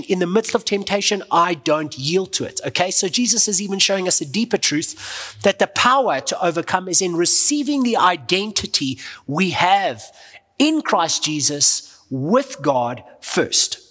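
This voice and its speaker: A man's voice: high voice, fairly bright tone. A male pastor delivering an earnest, emphatic sermon, voicing his listeners' questions back to them. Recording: long hall reverb.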